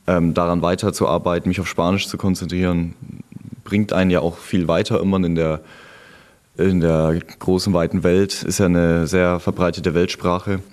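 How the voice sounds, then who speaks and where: A young man from Germany, born in Frankfurt and now living in Franconia, speaks in a deep, slightly mellow voice. He's an interview guest who has returned from volunteering abroad, casually telling stories from his own experiences.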